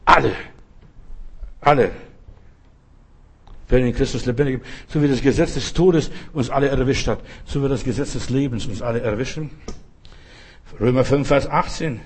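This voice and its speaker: A man's voice: mid-range voice, brisk, a little mellow, breathy edge. A man preaching a fervent sermon as a pastor, speaking straight to the listener.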